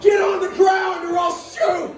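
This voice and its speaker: A man's voice: very high voice, brisk, a little mellow, a faint crowd, voice pushed up. A man voicing a male bank robber who barks orders at a stand-up show. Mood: yelling. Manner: barking orders. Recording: echoey room from far off. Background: audience laughing.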